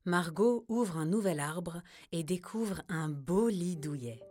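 Woman storyteller, children's tale, slow and gentle, soft music behind. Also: fairly low pitch, expressive. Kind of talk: scripted children's story narration.

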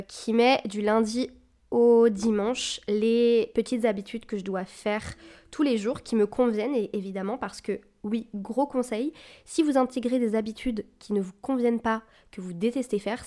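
A young woman talks loosely into a desk microphone for her solo podcast, her voice sitting a little high. She sounds chatty and encouraging, with plenty of fillers and English buzzwords dropped in along the way. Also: warm tone. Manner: self-described anxious, encouraging tone. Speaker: podcast host. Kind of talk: casual solo podcast chat. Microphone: desk mic on a boom arm.

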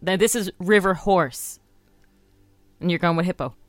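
A woman's voice: fairly low pitch, moderate pace, no echo, soft background music. A woman with an Irish accent co-hosting a radio show with chatty, informal delivery. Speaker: radio co-host. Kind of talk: casual radio banter and prize read.

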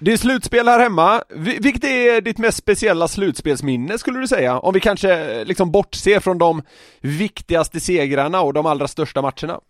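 A man's voice: high voice, dry recording, clean studio sound. A man hosting a casual interview, mostly giving short replies and asking questions. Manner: brief back-channel replies, asks questions. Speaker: host, interviewer.

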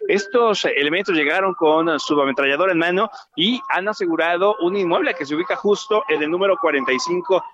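A man's voice: high-pitched, a little fast, hardly any pauses. A man with a Mexican accent giving a live radio news report from the field over a remote link. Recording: dull lo-fi remote link, clear noise.

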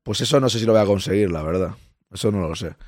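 A man, hoarse and losing his voice, hosting a live-stream podcast and chatting casually, greeting listeners and reading their messages aloud. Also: lowish voice, fast talker, darkish tone, no echo, clean studio sound.

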